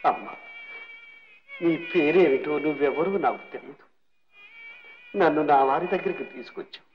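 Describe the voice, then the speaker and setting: A man's voice: on the high side, moderate pace, lightly acted. An actor playing an old ruined rich man with leprosy, humble and grief-stricken, speaking tearfully and pleadingly in a film melodrama. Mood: grateful. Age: older. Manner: tearful, pleading, speaks with rising and falling emotion. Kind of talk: 1960s Telugu film melodrama. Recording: dull old film soundtrack with faint music.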